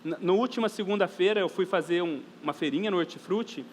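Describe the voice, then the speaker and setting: A pastor with a Brazilian Portuguese accent preaches a sermon in a high, fast voice, earnest and emphatic, repeating phrases for stress and calling the congregation brothers and sisters. The reverberant church hall carries faint background noise.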